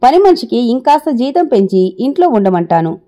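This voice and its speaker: A woman voicing a defiant young working wife, arguing indignantly and forcefully. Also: fairly high pitch, big pitch swings, normal speed.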